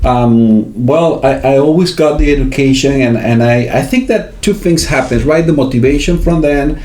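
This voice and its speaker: A man speaks as a podcast guest, pausing on fillers and checking in with tag questions. His tone is mellow and relaxed. The room around him is roomy and echoes. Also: medium pitch. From Venezuela. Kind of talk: casual interview. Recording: roomy echo.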